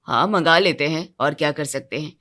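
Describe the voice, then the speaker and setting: A woman voicing a weary grown man, a quiet husband in an animated storybook, speaking in a subdued, lowered voice. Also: moderate pace. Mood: calm, tired. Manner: subdued, low-key, quietly complaining.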